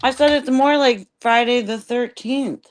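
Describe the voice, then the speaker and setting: A woman's voice: on the high side, a little slow. A woman guest on a casual live stream who jokes and teases the others. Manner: joking, teasing. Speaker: panel guest.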